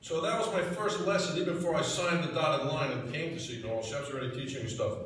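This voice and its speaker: A man's voice: a little high, fast talker, a bit bright, a little hiss or hum. Middle-aged man, sincere storyteller, reminiscing at a podium, somewhat away from the mic. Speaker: hall of fame inductee. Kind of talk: heartfelt acceptance speech. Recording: echoey banquet hall, distant mic.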